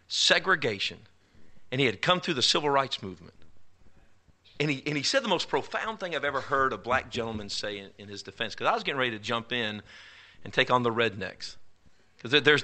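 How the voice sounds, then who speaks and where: Man, pastor, animated emphatic sermon, bright forceful tone. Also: medium pitch, brisk. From East Texas, US South. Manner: animated, emphatic preaching with folksy asides.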